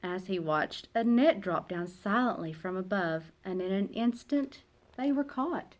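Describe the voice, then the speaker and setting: A woman with a mid-range voice narrates a children's picture book in an expressive, dramatic read-aloud. She uses emphatic pauses and lets her phrases trail off into a hush.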